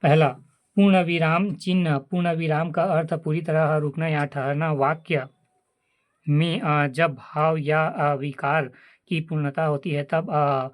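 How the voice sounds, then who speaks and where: A man from reading a grammar chapter aloud in a halting way, with many filler sounds and restarts. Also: fairly high pitch, little pitch movement. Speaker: teacher reading a grammar book.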